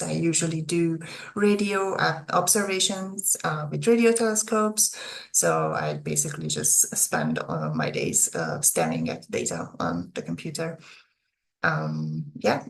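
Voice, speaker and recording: On her own video channel, a young Hungarian-accented author talks to her viewers in a relaxed, slightly hesitant way. Her voice sits on the low side and has a gravelly texture.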